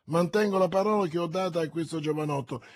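A man's voice: fairly high pitch, fast, voice pushed up, natural voice. A man voicing a jovial, mercenary sea captain in an audiobook reading, hearty in manner. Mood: firm.

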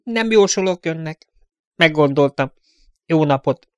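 A man voicing a small, wizened male fortune-teller with a thin, squeaking voice and an eerie, ominous manner in an audiobook. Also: animated, clean tone, no room sound, studio quality, natural voice. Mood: curt. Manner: murmuring, ominous.

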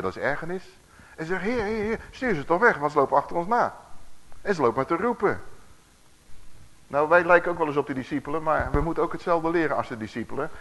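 A man preaching a sermon, reading Bible verses slowly and putting questions to his listeners. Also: fairly high pitch, a bit bright.

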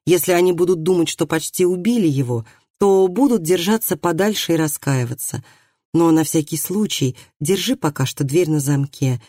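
A kind male village doctor speaks in a calm, gentle way, as an audiobook reader puts him on. The tone is dark and mellow. The sound is dry and close. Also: mid-range voice, moderate pace, no room sound, natural voice. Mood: calm, reassuring. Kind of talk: audiobook dialogue reading.

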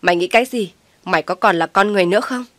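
A woman's voice: medium pitch, fairly even intonation, fast talker, no echo, natural voice. A woman voicing an angry middle-aged father who bellows and mocks in a storybook reading. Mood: raging. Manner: shouting, sarcastic.

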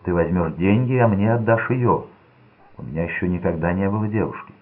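Man playing a brooding unstable young thug, sulky, menacing, deep husky voice, tinny audio. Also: fairly quick. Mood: pleading. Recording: tinny lo-fi narrow-band audio.

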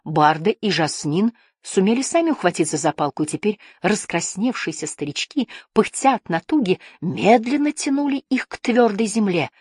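Husky woman reading a story. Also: mid-range voice, moderate pace, few pauses, no echo, studio quality. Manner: steady storytelling. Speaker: audiobook narrator. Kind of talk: scripted narration.

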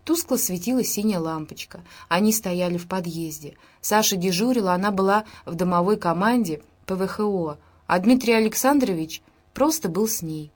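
A woman's voice: medium pitch, moderate pace. Woman narrating an audiobook. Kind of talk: scripted narration.

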